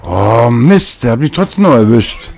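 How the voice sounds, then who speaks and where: A very animated let's play host with a mid-range, slightly mellow voice and some vocal fry chats at normal speed while playing a video game. He mutters to himself as the game music plays behind him.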